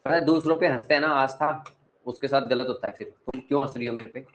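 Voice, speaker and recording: A young north Indian man with a Hindi accent teaches an online class at a fast clip, teasing and scolding students between explanations and swinging from loud to soft. His voice sits at medium pitch, and the rough recording carries a little hiss or hum.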